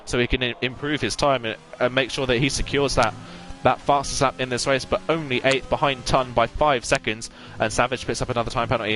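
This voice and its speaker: Fast-talking male racing commentator. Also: mid-range voice, fairly bright tone. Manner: fluent, detailed play-by-play. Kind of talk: live sim racing commentary.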